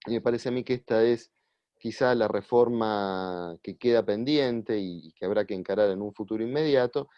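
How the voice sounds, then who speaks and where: A man giving a measured, explanatory talk, often pausing on "eh" and repeating words. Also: lowish voice, dry recording. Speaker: guest speaker on judicial reform. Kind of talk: lecture-style explanation. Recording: dull lo-fi, dry sound.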